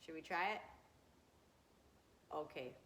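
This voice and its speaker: Woman, primary teacher, lowish voice, gentle, encouraging, recorded lesson, faint background noise. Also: slow pace. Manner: gentle, encouraging, asks questions and answers them herself. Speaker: grade two teacher. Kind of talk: recorded remote math lesson for children.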